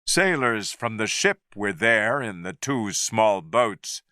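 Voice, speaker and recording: A man reading a story slowly and clearly for English learners. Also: lowish voice, expressive, bright, forceful tone, no room sound, studio quality. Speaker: narrator.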